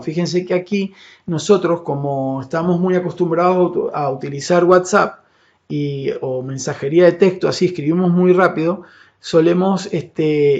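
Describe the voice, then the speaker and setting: A man teaching a software lesson over a screen recording, patient and explanatory, often checking in with his students and pausing on "eh". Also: fairly high pitch. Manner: patient, explanatory, frequent "¿sí?" and "fíjense" check-ins; filler "eh" and "este" between phrases. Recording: dull lo-fi audio with faint hiss.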